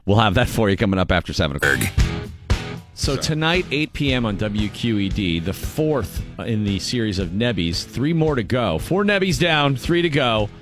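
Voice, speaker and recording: A man's voice: fairly low pitch, very animated, normal speed, music in the background. An American man bantering casually as host of a radio morning show.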